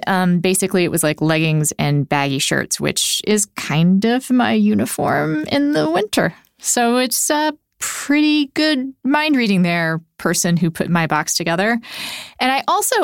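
A woman's voice: mid-range voice, smooth, dry recording, clean studio sound. Chatty self-mocking woman podcast host. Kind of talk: casual chat and host-read ad. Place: home studio, standing at mic.

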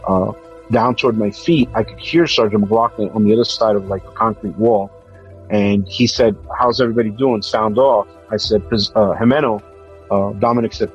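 A man with a fairly low voice tells his story as testimony, stopping and restarting often. The sound is slightly dull and lo-fi, with faint music under him. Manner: halting, with frequent fillers and restarts. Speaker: police officer recalling a disaster. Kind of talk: recounted personal testimony.

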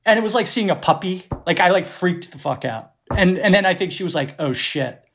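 Brisk and a bit bright, this high-pitched man's voice has lively intonation. He's a middle-aged podcast guest from the Boston area who produces festivals, and in casual conversation he spins meandering, self-deprecating tales laced with profanity and frequent restarts.

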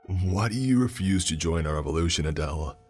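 A man voicing a many-mouthed alien tree being in a slow, calm, ethereal and distant voice, in a horror story. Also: low voice, breathy edge, soft background music. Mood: coaxing.

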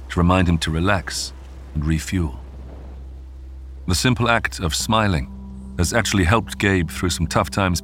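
Deep-voiced male documentary narrator. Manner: measured, even storytelling delivery. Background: faint music.

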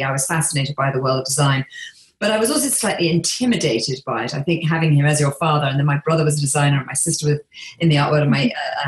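A middle-aged woman from England, speaking in a measured, reflective way with frequent pauses and restarts as an interview guest. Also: deep voice, reverberant, rough recording. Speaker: interior designer and author being interviewed.

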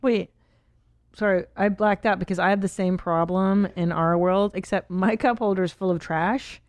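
A woman's voice: medium pitch, steady tone, normal speed, no room sound. A woman hosting a podcast, blunt and joking, swearing freely in casual chat. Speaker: podcast host.

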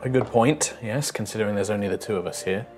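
A man's voice: fairly low pitch, quick pace, a little mellow, lightly acted. Stern woman knight guarding a temple, played by a man; firm, suspicious, faint music under. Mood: calm.

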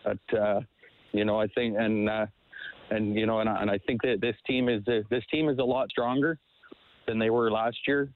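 A man calling in to a sports talk show over the phone, speaking haltingly with many fillers and restarts. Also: fairly low pitch, flat delivery, no echo. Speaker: caller. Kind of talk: sports call-in chat. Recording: dry tinny phone line.

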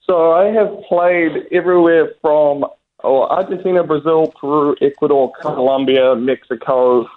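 A young golfer from New Zealand, speaking with that country's accent, takes interview questions as a guest over a tinny phone. His fairly high voice is measured in pace and fairly even in tone. He comes across as relaxed yet hesitant, with many fillers and restarts and easy laughter.

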